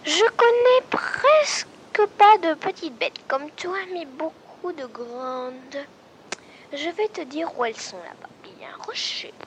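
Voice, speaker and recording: A woman voicing a gentle doe who explains the way in a chatty, high voice. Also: animated, slow pace, slight background noise, low-quality recording. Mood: helpful. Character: gentle doe giving directions.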